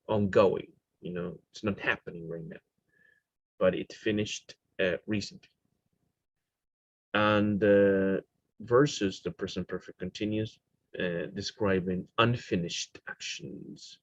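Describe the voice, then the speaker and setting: A man's voice: fairly low pitch, slightly rough, no echo, lo-fi sound. A man teaching English grammar, explaining with many fillers and restarts and checking in with "right?".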